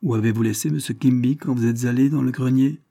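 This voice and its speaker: A man's voice: mid-range voice, steady tone, fast, creaky, warm tone, no room sound, voice pushed up. A man reading an audiobook, voicing a stern coroner who questions a witness in a severe, formal way. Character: stern middle-aged male coroner.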